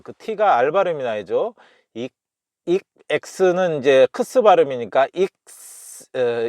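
A Korean man teaching English pronunciation. He sounds each phrase out slowly and repeats it, then explains it with many fillers. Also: medium pitch, darkish tone, dry recording.

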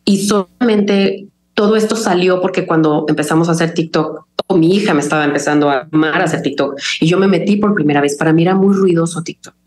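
A woman from Mexico City speaks in a notably low, calm register with deliberate, careful diction. Her voice rings a little in an echoey room. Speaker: chef and recipe video creator, guest. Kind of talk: conversational interview.

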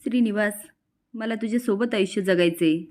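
A woman voicing a gentle young woman recovering in hospital, speaking softly and from the heart. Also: medium pitch, a little fast, lightly acted. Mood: heartfelt.

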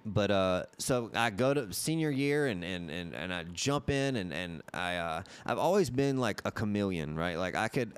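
A low, smooth-voiced man spins a long story as a podcast guest. He stumbles, restarts and repeats himself in easy conversation, close on a boom mic in a podcast studio. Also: lively intonation, moderate pace, few pauses. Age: 30s. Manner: rambling, many restarts and repeated words. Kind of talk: casual storytelling.

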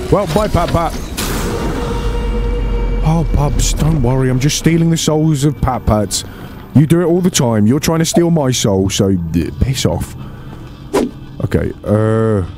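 Animated man swearing at a game. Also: medium pitch. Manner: swears freely, talks to game characters, bursts of exasperation. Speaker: let's play host. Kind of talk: casual gameplay commentary.

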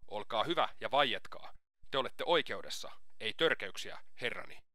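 A man's voice: on the low side, animated, bright, forceful tone, no echo, clean studio sound. A man voicing a barking, irritable young police lieutenant. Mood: shouting. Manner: barking, indignant.

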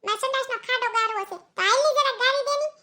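This cartoon voice acting features a pack of loud, bossy, middle-aged village women with Kathiawadi Gujarati accents. Their female voices ring extremely high and bright, and they scold at a quick clip, nagging and shouting shrilly.

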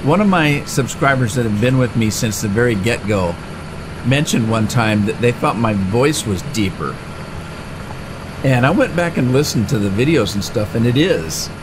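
A middle-aged man hosts a gaming channel, giving casual let's-play commentary in a mid-range, expressive voice at a moderate pace. He rambles and chats, with frequent "uh"s and restarts, while tractor and engine sounds from the game sit clearly behind him.

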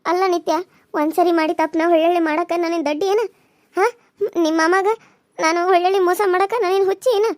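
A remorseful young village wife, voiced by a woman in a cartoon serial, with a North Karnataka accent. She pleads in a very high, tearful voice. The sound is dry. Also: fairly even intonation, a little fast, darkish tone, dry recording. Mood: hurt.

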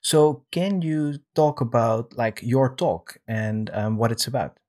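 A man in his thirties from Europe hosting a casual video interview from a home studio with a desk microphone, relaxed and full of um fillers. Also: mid-range voice. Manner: relaxed, many um fillers, drawn-out questions. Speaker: host. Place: home studio room with guitars on wall. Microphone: large desk microphone with headphones.

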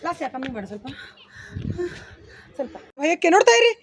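A woman's voice: high voice, very animated, brisk, a little hiss or hum. A woman acting teacher directing child actors on a shoot, calling action and acting out each line for them to copy. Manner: coaching, demonstrating lines for the child to repeat.

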